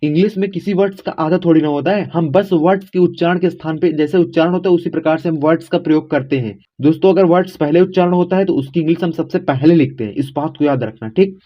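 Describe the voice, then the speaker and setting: Guy teaching a lesson, spells it out letter by letter, keeps saying ok, bit high voice, muffled recording. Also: fast, hardly any pauses. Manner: repeats "theek" constantly, spells letters aloud step by step; addresses viewers as friends, informal. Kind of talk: casual classroom explanation. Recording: dull lo-fi recording.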